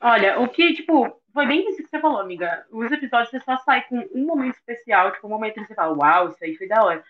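A woman's voice: on the high side, expressive, fast. A Brazilian woman co-hosting a podcast, talking in a slangy, playful way. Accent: Brazilian Portuguese. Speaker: podcast co-host. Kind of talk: casual podcast chat. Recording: phone-like thin sound.

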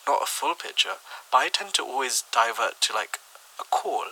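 Young male co-host, very bright sharp tone, easygoing advice-giver. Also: mid-range voice, lively intonation, normal speed, breathy edge, low-quality recording. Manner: laid-back, giving advice. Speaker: podcast co-host. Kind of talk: casual chat.

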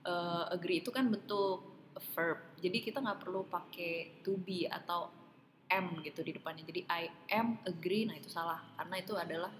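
Low-voiced woman explaining in an echoey room. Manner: explanatory, laughs often, slows to model English words. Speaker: guest explaining English mistakes. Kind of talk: casual podcast chat. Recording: echoey room with long reverb, faint hiss.

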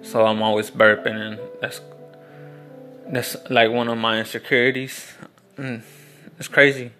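A young man rambles through a personal story in a loose, unscripted way. His voice is bright and forward, and his pitch stays level and flat. Faint guitar music plays underneath. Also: measured pace. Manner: rambling, many restarts and fillers, frank. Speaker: vlogger. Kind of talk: casual storytelling monologue.

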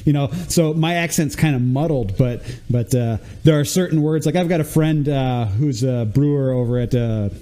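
A man hosting a casual podcast chat, relaxed and quick to laugh, thinking aloud as he talks. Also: mid-range voice. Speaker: podcast host. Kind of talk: casual conversation.

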